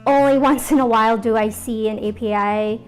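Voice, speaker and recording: A woman from the Philippines speaks in a documentary interview, sharing personal memories in a relaxed, reflective way. Her voice sits slightly high, and soft music plays faintly underneath. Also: brisk. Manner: candid and conversational, reflective, with fillers and laughs. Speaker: interviewee, arts organizer.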